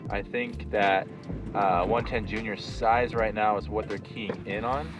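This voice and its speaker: A man's voice: fairly low pitch, fairly even intonation, a little slow, music in the background. A young man chatting casually in frat-bro slang while out fishing, recorded outdoors on a boat. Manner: frat-bro slang, saying dude and sick. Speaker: fishing vlog host. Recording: noisy outdoor boat ambience.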